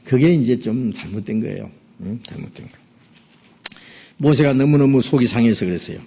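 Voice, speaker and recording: A man's voice: mid-range voice, animated, brisk, vocal fry, warm tone, breathy edge. A middle-aged man preaching a sermon as pastor, often checking in with his listeners with "eh?" and "right?". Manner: frequent "예?" and "응?" prompts to the listeners; acts out Moses' angry words in a raised voice.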